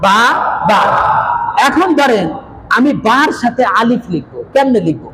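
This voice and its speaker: A man's voice: extremely high pitch, very animated, normal speed. A man teaching Quran reading, repeating letters and asking the class to say them back. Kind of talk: classroom lesson with call-and-response drills. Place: classroom with students. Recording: noisy room with a crowd of learners.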